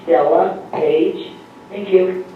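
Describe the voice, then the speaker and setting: A man making an announcement over a school PA loudspeaker, slow and formal. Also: high voice, steady tone, slight background noise. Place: school building. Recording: tinny, echoey PA sound from far off.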